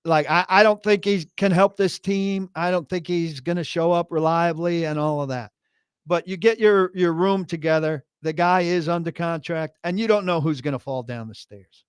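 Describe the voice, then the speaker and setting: A man's voice: fairly high pitch, normal speed, smooth, no echo, studio quality. A man from New Jersey co-hosting casual sports talk radio in a blunt, contrarian way.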